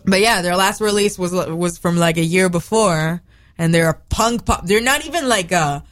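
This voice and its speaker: A woman musician from Israel with an Israeli accent, chatting as a guest on a radio show, bubbly and quick to laugh. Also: on the low side. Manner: bubbly, laughing, rapid asides. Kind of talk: casual interview chat. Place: radio studio.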